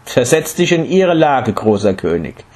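In a read-aloud fable, a man voices a noble, selfless king of the deer, sounding earnest and pleading, slow and solemn. His mid-range voice is sing-song with a darkish tone.

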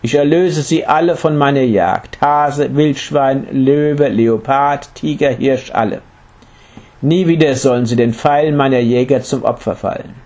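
A man's voice: mid-range voice, measured pace, darkish tone, voice pushed up, natural voice. A man voicing a mighty human king in a read-aloud fable, speaking in stately, formal words. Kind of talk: storybook reading.

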